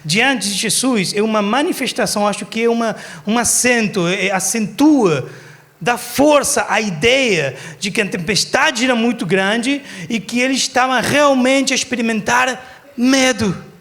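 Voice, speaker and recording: A man's voice: very high voice, measured pace. A man preaching a sermon in church, telling stories and acting out quotes for laughs. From Argentina. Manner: lively storytelling, acts out quotes for laughs. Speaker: pastor. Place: church service.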